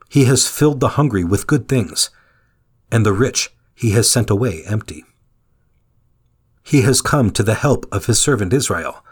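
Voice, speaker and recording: Guy reading a daily meditation, slow and steady, kinda husky low voice. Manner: calm, measured reading. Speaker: meditation reader. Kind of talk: scripted devotional reading.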